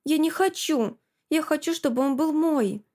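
A woman's voice: high voice, darkish tone, pitched above the performer's own voice, close to an everyday voice. Woman doing an eager, wide-eyed little girl. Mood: whining. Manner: breathless, pleading, quick to whine.

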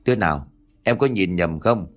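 A man voicing a gruff, bossy middle-aged father in an audio story, brusque and commanding. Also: deep voice, lively intonation, normal speed.

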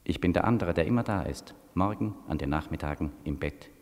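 Cast an actor as a low-voiced, insistent inner voice, with reverb, in 1940s radio drama style. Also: male voice, a little fast, lightly acted. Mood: insistent calm. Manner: calm, insistent, incantatory.

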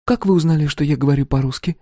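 A man's voice: on the high side, quick pace, no echo, clean studio sound, voice pushed up. Man doing a prickly tired young woman. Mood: flustered. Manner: sharp and defensive. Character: young woman, tired, principled and easily embarrassed.

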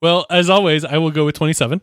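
A man's voice: a little high, steady tone, fast, a bit bright, slight background noise. A man appearing as a guest on a podcast in casual chat, with dry, understated humor. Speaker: podcast guest, game master.

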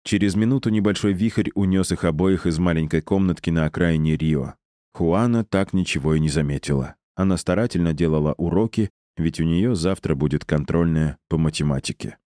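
A man narrates an audiobook in a steady, even delivery. His voice is very low and mellow, and the recording is dry and close. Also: fairly quick, dry recording. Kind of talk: scripted narration.

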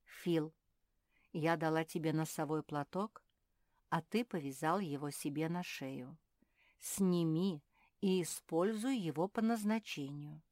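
A woman voicing a patient, wise owl detective in a children's storybook, with a calm, gently firm teaching manner. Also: deep voice, measured pace, no echo, clean studio sound.

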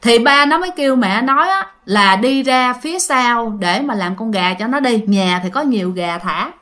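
A woman's voice: fairly high pitch, animated, moderate pace, a bit bright. A woman narrating a ghost story in a chatty way, often speaking directly to her listeners.

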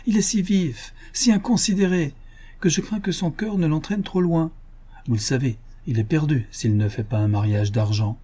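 A scheming aristocratic mother speaks in a honeyed yet lofty voice, voiced by a male audiobook reader. Her tone sits high and insistent over a husky, dark timbre. The delivery is that of a novel read aloud. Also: moderate pace. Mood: pleading, wheedling. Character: haughty scheming aristocratic lady, middle-aged mother.

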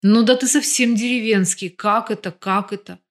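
A woman's voice: on the high side, steady tone, moderate pace, natural voice. Woman reading a tough mocking young woman in an audiobook, sly and brash.

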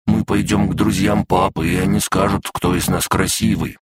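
A man's voice: low voice, little pitch movement, noisy background, voice pushed up, lightly acted. Man doing a whiny little dragon. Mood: sulky. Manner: whiny, drawn-out, pleading. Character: sad childish little male dragon familiar. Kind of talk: audiobook character voice.

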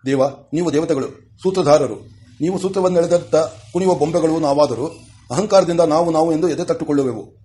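A man voicing a dignified, humble human king, in a measured, formal audiobook reading. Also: a little high, warm tone, close to an everyday voice. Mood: courteous.

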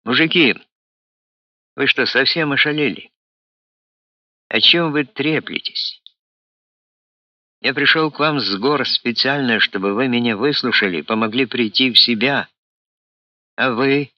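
A man voicing a blunt, hot-tempered one-armed police colonel who talks roughly and bursts out in indignation. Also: fairly low pitch, expressive, measured pace, long pauses, dry recording, muffled recording. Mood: indignant.

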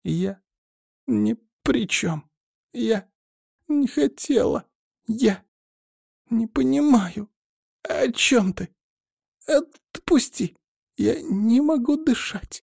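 A man's voice: extremely high pitch, animated, very slow, gravelly, long pauses, a little mellow, husky, dry recording, studio quality, pitched above the performer's own voice, full character voice. A man voicing a frightened young female alien who pleads faintly while choking. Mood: pleading.

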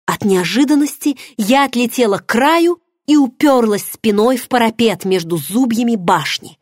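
A woman narrating a first-person audiobook in an expressive, dramatic way, recorded close to the mic. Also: fairly high pitch, moderate pace, dry recording.

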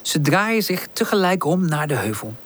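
A woman narrating a children's storybook in a calm, gentle reading voice. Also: sits low, normal speed, slight background noise. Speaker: audiobook narrator.

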